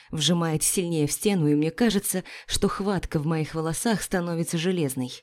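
Brief: woman, dramatic audiobook narrator, low pitch, mellow dark tone. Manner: dramatic, emotional reading. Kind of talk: first-person romance novel narration.

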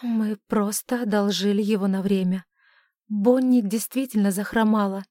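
A woman's voice: mid-range voice, fairly even intonation, normal speed, mellow, no echo, clean studio sound, lightly acted. A woman voicing a frightened, ashamed young woman who pleads and whispers through tears in an audiobook. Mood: pleading.

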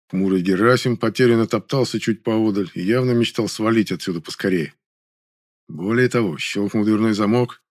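A man's voice: lowish voice, darkish tone. A man narrating an audiobook in the first person, in a wry, conversational way.

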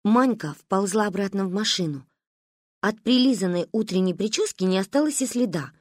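A woman reading a children's story aloud in an expressive, lively storybook narration. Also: medium pitch, moderate pace, dry recording, studio quality. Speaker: audiobook reader.

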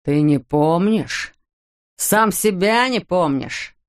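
A woman reading an audiobook voices a furious, brutal middle-aged father who growls slowly and menacingly. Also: a little high. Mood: raging.

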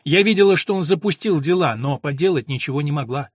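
A man's voice: fairly high pitch, expressive, quick pace, husky, dry recording, studio quality. A man voicing a calculating, commanding noblewoman who coaches her son, in a firm, instructive manner. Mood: plain.

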